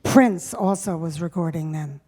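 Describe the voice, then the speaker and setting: A woman's voice: on the low side, a little slow, dark tone. A woman in her sixties, a music journalist on stage, chatty and reminiscing as she answers questions. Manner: chatty, reminiscing, laughs often. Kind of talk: onstage conversation. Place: stage before a live audience.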